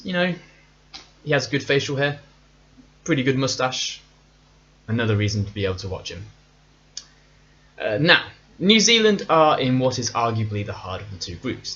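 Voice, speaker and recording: A man hosts a casual solo podcast at a middling pitch. His talk is chatty and playful, with self-mocking asides. The audio sounds a little dull and lo-fi. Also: sing-song, moderate pace, long pauses, pushed and bright. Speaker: podcast host.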